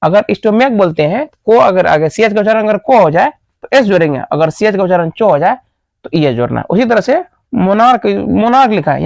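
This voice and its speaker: Gravelly man spelling out words. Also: sits high, no echo. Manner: repetitive, spells words letter by letter; asks the class questions, then answers them. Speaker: teacher. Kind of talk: spoken grammar lesson. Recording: dull lo-fi dry recording.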